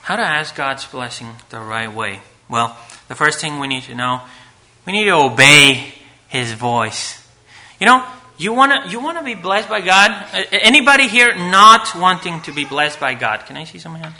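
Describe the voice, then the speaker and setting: A man preaching a sermon to a congregation at a pulpit microphone, earnest, reading scripture aloud and swinging between loud emphasis and hushed asides. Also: a little high, animated, moderate pace.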